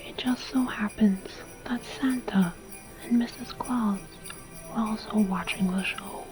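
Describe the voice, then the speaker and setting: A woman telling a scripted story as gentle, deliberate whispered ASMR narration. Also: mid-range voice, over music, rough recording.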